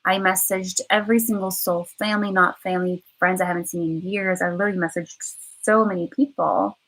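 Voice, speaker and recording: Speaking candidly on a live stream, a woman vlogger rambles, repeats herself and leans on lots of fillers in a casual, emotional monologue. Her voice sits fairly low with fairly even intonation, and her delivery is fairly quick and fairly bright. The recording is rough.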